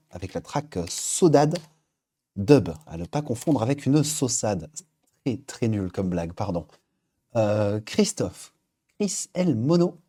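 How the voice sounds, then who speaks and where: A man hosting a live stream in a casual, chatty way, reading out viewer names and filling pauses with frequent hesitations. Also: mid-range voice, warm tone. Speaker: livestream host. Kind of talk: casual livestream chat.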